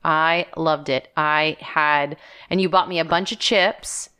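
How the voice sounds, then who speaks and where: A woman with a fairly low voice co-hosts a podcast in a chatty, animated way. She tells everyday stories and acts out the lines people said. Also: takes it slowly, clean tone. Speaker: podcast co-host. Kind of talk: casual chat.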